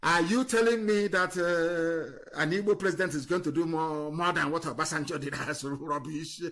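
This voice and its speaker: A man giving an impassioned political monologue on a live online stream, scornful and fiery, swinging between loud emphasis and low muttering. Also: normal speed. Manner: fiery, scornful, repetitive insults. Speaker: political broadcaster.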